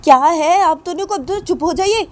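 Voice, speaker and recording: A high, piercing young woman's voice, scolding and pleading almost in tears, as a woman storyteller puts her on. The tone stays mellow for all its height, a homemade story told aloud. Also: fairly quick, slight background noise. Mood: shrill, upset. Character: shrill, upset young woman, a sister-in-law.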